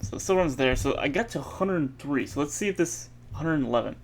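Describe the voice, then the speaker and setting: Halting, gravelly man muttering through code. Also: a little high, expressive, slight background noise. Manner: halting, muttering, self-corrective with many fillers. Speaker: programmer streaming his coding practice. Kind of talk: thinking aloud while coding. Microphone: earbuds mic.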